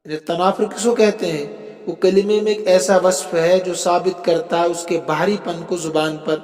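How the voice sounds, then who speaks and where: A man's voice: sits high, fairly even intonation, a little mellow. A male religious scholar giving a classroom lecture, explaining step by step and often asking the students whether they follow. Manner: explains step by step, often checks understanding with questions. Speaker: religious scholar teaching Arabic rhetoric. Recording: echoey room with long reverb, faint music.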